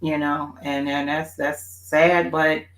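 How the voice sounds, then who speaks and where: In a deep, level voice and at a slow pace, a woman co-hosts a family faith talk show in casual conversation. She chats reflectively, agrees with her partner, and drops many "you know" fillers. The recording has a roomy echo.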